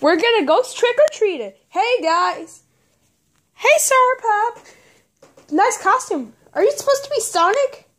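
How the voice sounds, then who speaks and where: A woman's voice: very high-pitched, very animated, measured pace, a bit bright, exaggerated voice. A woman voicing an eager, chatty young kid going trick-or-treating in a fan cartoon. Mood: excited.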